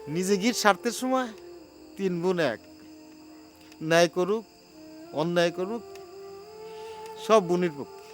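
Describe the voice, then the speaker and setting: A man's voice: high voice, unhurried, long pauses, soft background music. An actor playing a weary, put-upon village man, complaining in a television drama. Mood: aggrieved. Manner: complaining, self-pitying.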